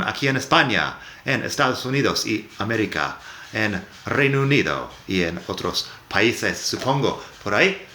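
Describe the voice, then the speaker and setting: A man speaking to camera from his living-room sofa, giving a casual lesson on English pronunciation with a lively, upbeat delivery and slowing down to model each English word. His voice sits fairly low but sounds bright and forceful. The room around him adds a clear echo. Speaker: English teacher. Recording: echoey room.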